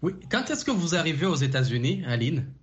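A man hosting a radio interview program, asking formal, measured questions with frequent pauses. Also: on the high side, big pitch swings, lo-fi sound. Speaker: radio show host.

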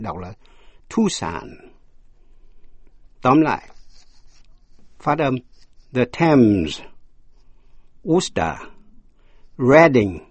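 A husky-voiced man, a native Vietnamese speaker, teaching a scripted radio English lesson. He speaks very slowly and spells out each word letter by letter. The recording is dry and close. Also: mid-range voice, no echo. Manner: slow, spells words out letter by letter.

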